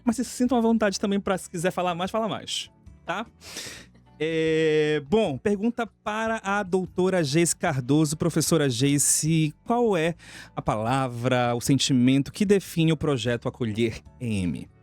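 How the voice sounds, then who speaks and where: A man's voice: a little high, measured pace, darkish tone, dry recording, soft background music. A man hosting a TV interview show, jovial and laughing often. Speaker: TV show host.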